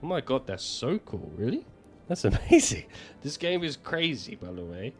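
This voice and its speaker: A man streaming a horror game live, excitedly gushing about it. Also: mid-range voice, normal speed, soft background music. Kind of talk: live gameplay commentary.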